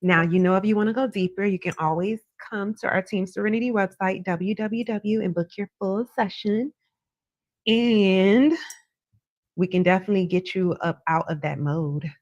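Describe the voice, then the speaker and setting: A woman's voice: medium pitch, moderate pace, darkish tone, no room sound, muffled recording. Effusive woman psychic hotline host, dry sound. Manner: effusive greetings and thanks, familiar address. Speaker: psychic tarot reader hosting a live call-in. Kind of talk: psychic hotline live reading, conversational.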